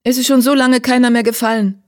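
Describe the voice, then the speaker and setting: A man's voice: very high voice, flat delivery, fast talker, pitched above the performer's own voice. A man reading a storybook, voicing an eager, hopeful young male warrior cat.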